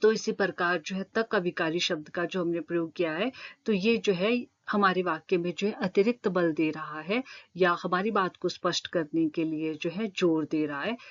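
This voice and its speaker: A woman's voice: on the low side, dull audio. A woman explaining Hindi grammar in an online lesson, patient and repetitive, with many verbal fillers. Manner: patient, repeats points with frequent fillers.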